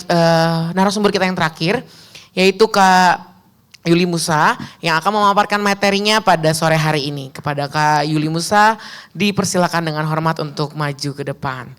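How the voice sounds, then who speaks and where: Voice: mid-range voice, normal speed, a bit bright, smooth. A seminar moderator speaking politely and formally while introducing speakers.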